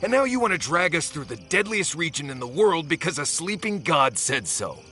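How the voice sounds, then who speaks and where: An actor playing a bitter, sarcastic adventurer companion in a fantasy video game, lashing out in scornful tirades. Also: male voice, a little high, sing-song, normal speed, bright, forceful tone, faint music behind. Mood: angry. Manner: scornful, heated outbursts.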